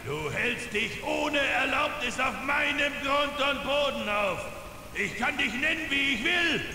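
An actor playing a big, menacing, taunting thug in a video game, shouting at a trespasser. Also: male voice, extremely high pitch, animated, unhurried, full character voice. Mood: angry, menacing. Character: big bald thug veteran bullying a trespasser. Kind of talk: dubbed video game cutscene acting. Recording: echoing hall, loud game ambience noise.

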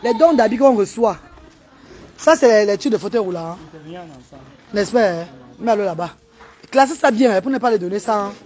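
A woman's voice: mid-range voice, brisk, pauses often, a little mellow. A woman hosting a casual live stream at a charity event, chatty and calling out praise and instructions.

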